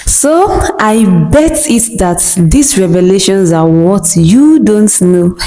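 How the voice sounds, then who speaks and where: A young woman from Nigeria speaks with a Nigerian accent, reading out each viewer question before answering it. She talks at an unhurried, deliberate pace. Her voice has a mellow, darker tone, and her pitch sits in the middle range. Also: lively intonation, rough recording. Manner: slow and deliberate, reads each question aloud before answering with short laughs. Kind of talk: scripted question-and-answer monologue.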